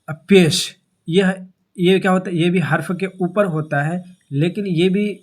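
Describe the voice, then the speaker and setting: A male teacher explaining grammar in a lesson, asking questions and answering them himself, with repeated key terms and slowly stretched example words. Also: high voice, fairly even intonation. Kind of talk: classroom-style grammar lesson.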